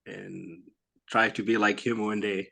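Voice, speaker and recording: A man, answering interview questions in a halting, casual way with many fillers and soft laughs. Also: on the low side, little pitch movement, gravelly. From Iraq. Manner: halting, lots of "you know" and "like", laughs softly. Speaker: guest, bodybuilder.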